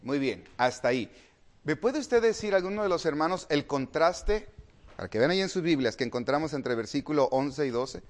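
A man preaching an interactive Bible study, quizzing the congregation and swinging from emphatic lines to hushed ones. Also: fairly high pitch, animated, normal speed. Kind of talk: interactive sermon.

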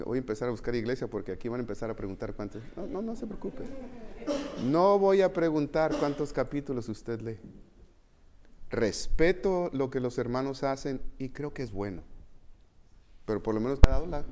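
A man's voice: medium pitch, darkish tone. A man preaching a sermon as pastor, reading scripture aloud and putting direct questions to the congregation, with fillers and self-corrections along the way.

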